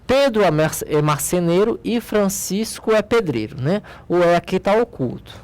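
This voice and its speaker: A man's voice: high voice, expressive, moderate pace, darkish tone. A man with a Brazilian accent teaching logic, patiently explaining an exercise at a board and checking in often with short questions to his students. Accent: Brazilian Portuguese. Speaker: math teacher.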